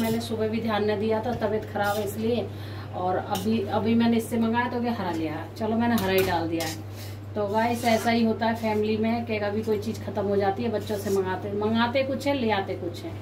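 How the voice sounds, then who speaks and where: A woman chatting casually to her viewers in a home vlog, speaking slowly because of sore mouth ulcers. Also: on the high side, steady tone, reverberant, recorded from a distance, background noise. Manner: chatty, often addresses viewers as guys. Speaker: family vlogger.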